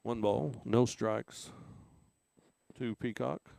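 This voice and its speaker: A man with an Oklahoma accent calls a softball game play-by-play, easygoing and chatty. His voice is gravelly, and the sound is dry and close on a headset mic. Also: mid-range voice, drawn-out words, dry recording. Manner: relaxed conversational play-by-play. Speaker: play-by-play announcer. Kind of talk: local softball commentary.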